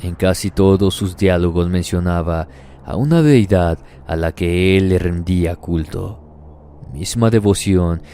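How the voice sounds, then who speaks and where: Deep gravelly man narrating horror. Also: measured pace, dark tone, a little hiss or hum.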